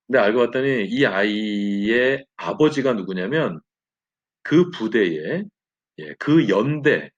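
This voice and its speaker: Husky man teaching a lively Bible lesson. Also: medium pitch, dull audio. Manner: animated storytelling with frequent "예" fillers. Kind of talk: church Bible lesson, storytelling.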